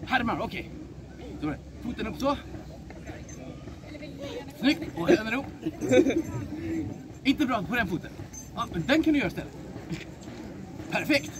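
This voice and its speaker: A woman playfully leading a game outdoors, calling out loudly to a cheering audience. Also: on the high side, pauses often. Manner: animated, calls out loudly to the audience. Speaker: game leader. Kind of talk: playful game hosting for a crowd. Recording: loud crowd and street noise.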